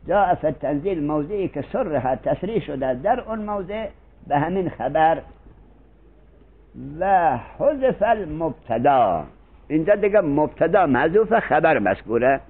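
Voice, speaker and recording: An older man teaching a seminary grammar lesson, telling stories and acting out quoted dialogue, slowing down for recited verses. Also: fairly high pitch, narrow, tinny audio. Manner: animated, acts out quoted dialogue, slow when reciting verses. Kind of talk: Arabic grammar lesson with storytelling.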